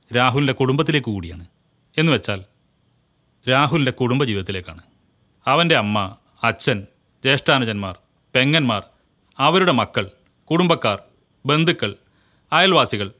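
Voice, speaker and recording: An actor playing an earnest elder brother who gives his sister a long, measured lecture in a home movie. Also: mid-range voice, pushed and bright.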